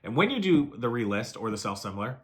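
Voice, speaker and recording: Fast-talking man coaching resellers. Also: medium pitch, sing-song. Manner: brisk, coaching, lists steps and repeats them. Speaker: reseller giving selling tips. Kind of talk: fast casual how-to talk to camera.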